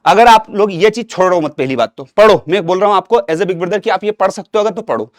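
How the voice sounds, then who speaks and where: A man's voice: high-pitched, fast, no echo, clean studio sound. A young man teaching an exam-prep lesson, talking to students like an elder brother and repeating himself with rhetorical questions.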